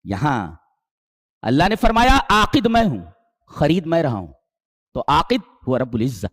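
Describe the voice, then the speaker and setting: A man preaching a sermon in with Quranic exegesis, asking rhetorical questions and climbing to emphatic high peaks before dropping low. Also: sing-song, a bit bright, no room sound, studio quality. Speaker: Islamic preacher.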